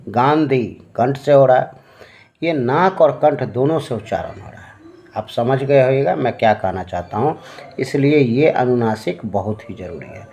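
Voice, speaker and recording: A man's voice: mid-range voice, darkish tone. A man teaching Hindi grammar at a board, explaining patiently and often checking that the children follow. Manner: slow, patient, checks in with "है ना?" and fillers. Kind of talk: classroom lesson explaining at a board.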